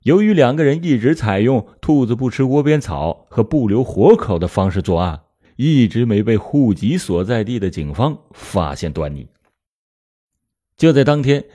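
A man's voice: fairly low pitch, mellow. Dramatic male true-crime storyteller. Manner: dramatic, emphatic narration. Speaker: storyteller and host.

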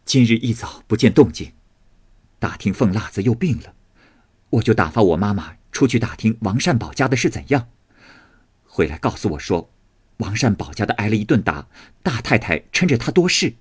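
A man voicing a proud, sharp-tongued young noblewoman who speaks scornfully and defiantly. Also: lowish voice, big pitch swings, normal speed, slightly rough, no echo, clean studio sound.

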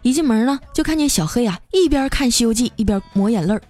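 A woman's voice: a little high, animated, fast, darkish tone. A young woman hosting a podcast and telling funny everyday stories in a playful, laughing way. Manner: playful, laughing, acts out quoted family voices. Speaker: podcast host. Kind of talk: comic storytelling. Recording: music bed under voice.

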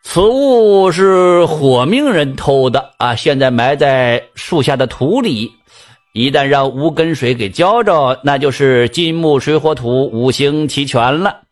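A man's voice: mid-range voice, a little slow, close to an everyday voice. A man doing a sly old swindler soothsayer. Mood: mock solemn. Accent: Northeastern Mandarin. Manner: theatrical, switches from panicky wails to stern bluster. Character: sly old swindler fortune-teller, crafty fake soothsayer.

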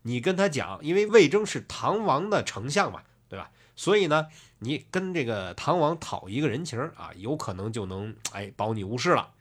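A man voicing a calm male fortune teller who speaks coolly and lectures. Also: medium pitch. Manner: cool, unhurried, lecturing.

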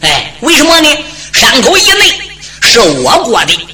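Stern sneering pass-guard general, high and bright, played by a male storyteller. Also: wildly swooping pitch, measured pace, slight background noise, full character voice. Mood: lecturing. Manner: lecturing, taunting.

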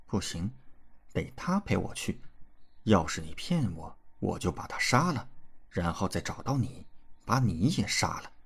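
A man's voice: on the low side, sing-song, normal speed, creaky, a little mellow, husky, full character voice. A man voicing a fierce, sneering swordswoman. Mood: threatening. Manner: curt, threatening, scornful.

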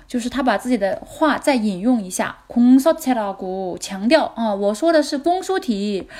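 A woman's voice: on the high side, expressive, a little fast, darkish tone. A woman language teacher who repeats drama lines and then explains each phrase in a lesson.

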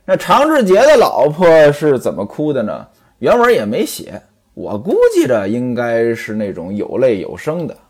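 A man's voice: medium pitch, wildly swooping pitch, moderate pace, breathy edge. A man telling a traditional story with commentary and chatty asides to the listener.

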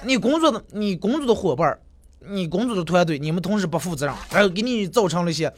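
Male radio host, high and animated voice, chatty storyteller, faint music underneath. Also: fast. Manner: chatty storyteller who acts out the people he quotes. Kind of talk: casual radio talk monologue.

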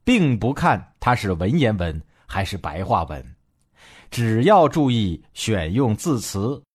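A man voicing a calm, smiling male professor who explains things gently and softly. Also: on the low side, takes it slowly, husky, dry recording, studio quality, exaggerated voice. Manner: gentle, soft-spoken, explanatory.

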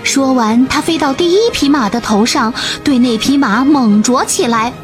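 Woman storyteller, high pitch, expressive children's narration over faint music. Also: moderate pace. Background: soft music.

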